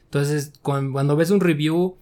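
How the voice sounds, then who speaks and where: Chatty Mexican man, slightly high voice. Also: measured pace. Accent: Mexican Spanish. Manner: relaxed, chatty, frequent fillers and laughs. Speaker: game developer guest. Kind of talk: casual interview conversation.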